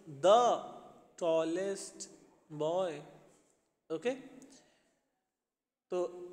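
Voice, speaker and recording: A young male teacher with an Indian English accent gives a patient grammar lesson to schoolchildren, switching between Hindi and English. His voice sits high and he speaks slowly. The sound rings with a long reverb, as in a hall. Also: a little mellow. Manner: explains patiently, mixing Hindi with English, addressing children. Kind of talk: recorded classroom lesson.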